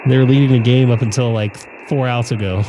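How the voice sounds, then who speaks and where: A man's voice: medium pitch, steady tone, quick pace. A man who is an amateur radio operator, chatting casually in an informal way. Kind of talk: casual chat. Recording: clear background radio hiss.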